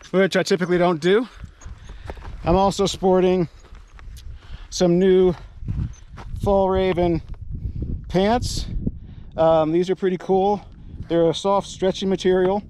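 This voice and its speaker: Higher-voiced American man talking through a mask. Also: a little mellow. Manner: speaking through a face mask. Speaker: outdoor video host. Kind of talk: casual vlog talk to camera. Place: outdoors at a mountain trailhead. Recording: noisy outdoor camera audio.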